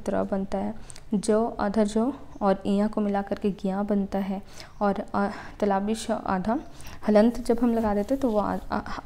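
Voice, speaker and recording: Teacher lady going through letters one by one, soft mellow tone, keeps saying theek hai. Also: medium pitch, creaky. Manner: explains step by step, repeating "ठीक है" to check understanding; sounds out letters slowly for pronunciation. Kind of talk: exam-prep Hindi grammar lesson.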